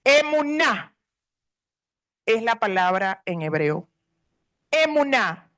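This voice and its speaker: A woman's voice: on the high side, expressive, slow pace, fairly bright tone. A middle-aged woman pastor, preaching a sermon earnestly and stretching out key words for emphasis.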